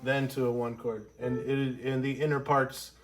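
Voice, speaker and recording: A man's voice: mid-range voice, little pitch movement, moderate pace. Congested man explaining music casually. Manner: rambling, self-correcting, with frequent ums. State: congested from a cold. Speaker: music teacher.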